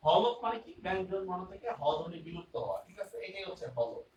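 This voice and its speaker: A man's voice: high-pitched, fast, darkish tone, slight background noise. A male teacher gives an online grammar class, repeating key terms and often checking whether students follow. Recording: roomy and distant with faint ambience.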